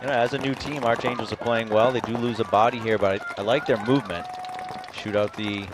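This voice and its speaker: A man commenting live on a paintball match, calmly recapping plays and naming players. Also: lowish voice, quick pace. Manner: calm, analytical, recaps plays. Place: outdoors at a paintball field. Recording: noisy outdoor event.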